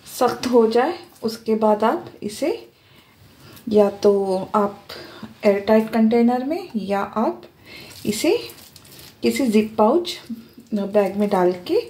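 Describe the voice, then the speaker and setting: Cooking host, woman, mellow fairly high voice, calm step-by-step delivery, faint kitchen noise behind. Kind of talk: home cooking tutorial voice-over. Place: home kitchen.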